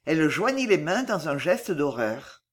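Woman audiobook narrator, slow and measured, with an expressive reading. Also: deep voice.

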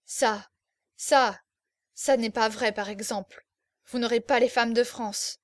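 A woman's voice: a little high, fairly even intonation, a little slow, a little mellow, dry recording, close to an everyday voice. A woman voicing a fierce, defiant young woman. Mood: choked anger. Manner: indignant, vehement.

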